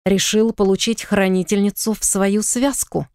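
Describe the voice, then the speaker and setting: A man's voice: high-pitched, steady tone, normal speed, a little mellow, smooth, no room sound, studio quality. A woman voicing a hot-tempered young male lycan, the younger brother, in an audiobook. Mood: angry. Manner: demanding, angry.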